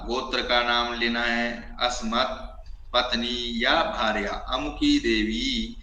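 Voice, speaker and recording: A man teaching an online class on ritual recitation, chanting Sanskrit formulas slowly and then explaining them. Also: medium pitch, little pitch movement, bright, forceful tone, echoey room, a little hiss or hum, poor audio.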